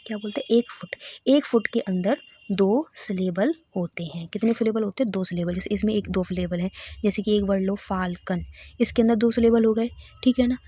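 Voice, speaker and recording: A woman's voice: medium pitch, a little fast, mellow, husky, dry recording, studio quality. Woman teaching a literature lesson. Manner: checks in with listeners often, repeats key terms.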